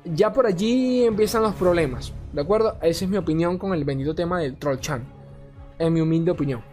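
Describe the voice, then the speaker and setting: A lively man talks through game cards in an offhand, chatty review. He curses freely, gets worked up and trips over names he can't recall. Faint music plays underneath. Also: on the high side, a little fast. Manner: animated, swearing, ranting, often stumbling over forgotten names. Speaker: card game content creator. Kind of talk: casual card review commentary.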